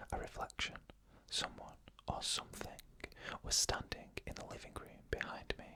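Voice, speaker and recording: Eerie first-person stories unfold in this ASMR narration, delivered as a slow, hushed, suspenseful whisper. There is almost no voicing at all, just an unvoiced whisper the whole way through.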